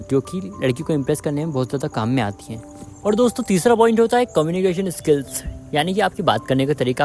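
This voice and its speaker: A man's voice: medium pitch, darkish tone. A man hosting an advice video, talking straight to his viewers, calling them friends and repeating his points again and again. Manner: repetitive, addresses viewers as friends. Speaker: dating advice video host. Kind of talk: direct-to-viewer advice talk.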